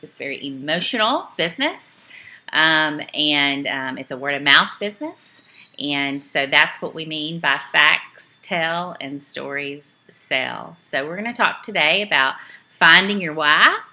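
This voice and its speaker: A woman's voice: sits low, animated, a little slow, bright, forceful tone. A middle-aged woman from East Tennessee with a Southern accent, giving a chatty, upbeat home video training talk, full of "um"s and self-corrections. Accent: Southern American (East Tennessee). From Eastern Tennessee, United States. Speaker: direct sales team trainer.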